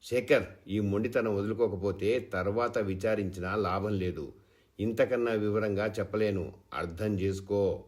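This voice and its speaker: A man's voice: fairly low pitch, steady tone, moderate pace, darkish tone, lightly acted. A man voicing a pragmatic middleman friend who scolds and persuades. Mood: scolding.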